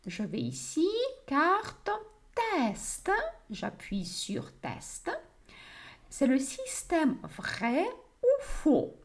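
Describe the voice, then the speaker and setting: A woman with a French accent teaches vocabulary on a livestream, slow and deliberate, often repeating words so learners can follow. Her fairly high voice rises and falls a lot as she talks. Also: huge pitch swings.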